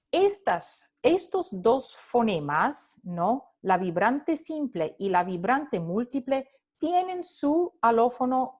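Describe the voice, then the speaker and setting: A Spanish phonetics instructor with a slightly high, somewhat mellow voice lectures over slides, explaining patiently. She repeats example words to demonstrate sounds and adds short English asides for her students.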